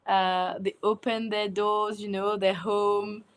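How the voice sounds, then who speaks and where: A woman's voice: medium pitch, little pitch movement, slow pace, clean tone. A woman from Mauritius, a guest answering in a casual interview, hesitant with many fillers and frequent laughs. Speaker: guest, food content creator.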